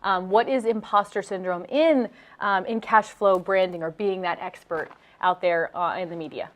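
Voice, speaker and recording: A woman's voice: mid-range voice, moderate pace. Enthusiastic woman hosting an interview. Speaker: host. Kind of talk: casual interview.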